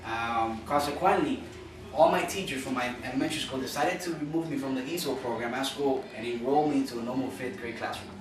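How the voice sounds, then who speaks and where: Recorded from a distance in a noisy, echoing room, a young Cuban man speaks briskly in a mid-range voice. It's an earnest, informal speech for a college class, marked by repeated and restarted phrases.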